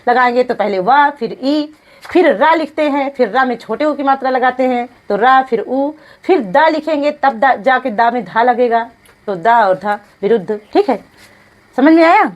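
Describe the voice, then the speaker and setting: A woman's voice: sits high, normal speed, far from the mic, highs cut off. A woman teaching a Hindi grammar lesson, asking her own questions, answering them, and repeating the key terms. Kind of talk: classroom lesson.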